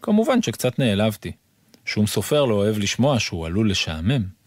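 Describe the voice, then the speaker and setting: Expressive man reading a children's story. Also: lowish voice, dry recording, studio quality. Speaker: narrator. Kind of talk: reading a children's book aloud.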